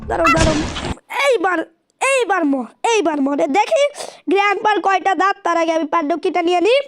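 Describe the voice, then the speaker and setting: Very high-pitched excitable woman gamer. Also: fast, music in the background. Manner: taunting, shouting at game characters. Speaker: gaming channel host. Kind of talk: excited horror game commentary.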